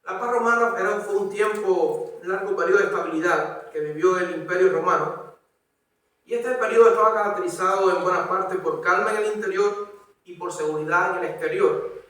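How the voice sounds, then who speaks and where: Preaching an expository sermon that includes scripture reading, a man from Cuba speaks with a high-pitched, slightly bright voice at a slightly quick pace. He tends to repeat words while rephrasing. The recording comes from a church hall, with a far-off microphone and plenty of echo.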